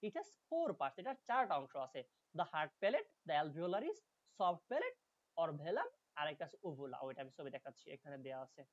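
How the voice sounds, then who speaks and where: A man teaching linguistics in an online class. He explains patiently, reads English textbook lines slowly and checks often that students follow. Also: a little high, wildly swooping pitch, no echo, highs cut off. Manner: explains patiently, checks understanding with frequent "okay?".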